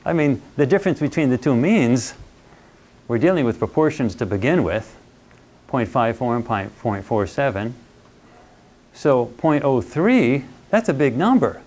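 A man's voice: medium pitch, expressive, measured pace, darkish tone. Chatty man lecturing a university class. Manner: conversational, checks in with students often; playful, acts out little quoted voices.

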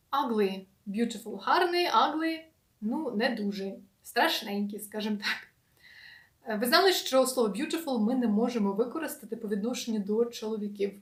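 Higher-voiced woman teaching in an echoey room. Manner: explains patiently, repeats words slowly, many fillers. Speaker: English teacher. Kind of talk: casual video lesson.

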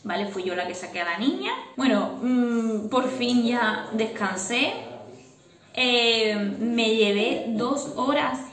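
A woman in her thirties telling a personal story to her viewers in a casual, animated way, laughing as she goes. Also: fairly high pitch, slow pace, far from the mic, crowd noise. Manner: animated, laughing while recounting. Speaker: vlogger. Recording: echoey room.

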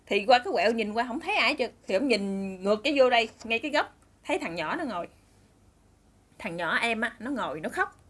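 A woman's voice: fairly high pitch, expressive, brisk, fairly bright tone. A woman with a Southern Vietnamese accent telling a story in a chatty way, addressing her listeners directly.

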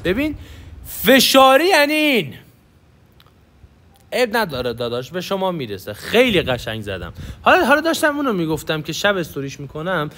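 A man's voice: fairly high pitch, huge pitch swings, hardly any pauses, a bit bright. A young man giving casual gameplay commentary as a gaming YouTuber, chatty and coaching viewers on tactics.

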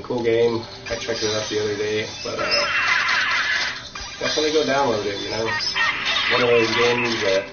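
A young man at home streams his gameplay and chats casually, rambling along with many fillers in a relaxed manner. He's got a cold and sniffles, his voice sitting at a medium pitch. The recording comes from a dull lo-fi mic that sounds far off and roomy.

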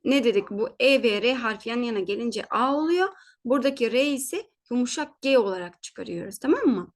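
Woman teacher, slightly high voice, patient and repetitive, corrects herself mid-lesson, close mic. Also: expressive. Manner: patient, checks in with "tamam mı" and repeats each word slowly; corrects her own slips on the spot. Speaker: German teacher. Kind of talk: spoken lesson.

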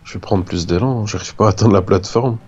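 Chatting and joking with a friend mid-game, this gamer talks fast in a lowish, darkish voice with a breathy edge. The sound quality is lo-fi.

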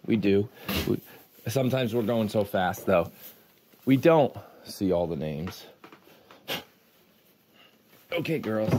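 In a lowish, slightly mellow voice, a forty-something farm vlogger rambles through casual chat with viewers during morning goat barn chores, outdoors in the barn and farmyard. He holds the camera at arm's length, and a little hiss or hum is audible.

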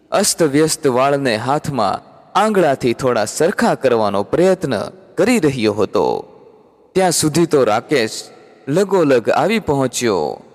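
A man narrating an audiobook story in an expressive, measured way. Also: mid-range voice. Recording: long hall reverb.

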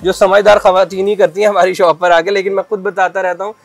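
A middle-aged man from Pakistan who owns a garment shop, giving a persuasive sales pitch and explaining at length in an interview. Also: level tone, fast talker, gravelly. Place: clothing shop indoors.

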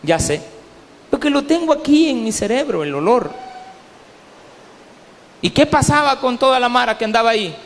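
A male pastor with a Salvadoran Spanish accent, preaching a story-filled sermon that swings from quiet asides to loud pleas. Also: very high-pitched, animated, moderate pace, long pauses, slight background noise. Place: church hall. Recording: long reverb of a church hall.

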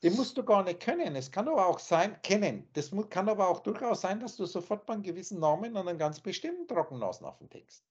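A man's voice: high voice, animated, fast talker, hardly any pauses, slightly rough. Man lecturing emphatically over a dull call. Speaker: spiritual teacher. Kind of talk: lecturing monologue on a video call. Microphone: video call. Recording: dull lo-fi online call audio.

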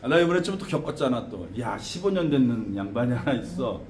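A man teaching students as a shaman teacher, lecturing in an animated way with frequent tag questions and laughter. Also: medium pitch, quick pace. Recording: echoey room with faint background noise.

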